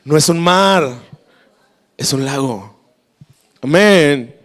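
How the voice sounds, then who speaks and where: A man with a Mexican Spanish accent preaches a lively, storytelling sermon and acts out voices as he goes. His voice sits fairly high. A long reverb trails behind it in a church hall. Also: drawn-out words. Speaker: pastor.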